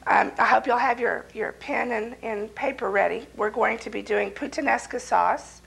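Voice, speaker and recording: A woman hosting a local TV cooking show, hoarse from a cold, folksy and chatty with her viewers. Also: fairly high pitch, moderate pace, low-quality recording.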